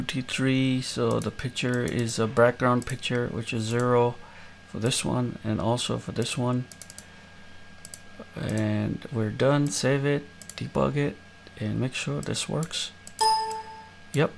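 A man with a gravelly, creaky voice walks through a screen-recorded coding tutorial step by step. He talks in a relaxed way with lots of "uh" and "um" fillers. Faint noise and keyboard typing sit behind him. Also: medium pitch, a little slow. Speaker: tutorial host.

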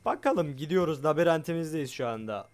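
A man giving excitable let's play commentary on a game, loud and jumpy, swearing often and talking straight to his viewers. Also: a little high, a little fast. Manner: loud, shouts a lot. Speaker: gaming YouTuber.

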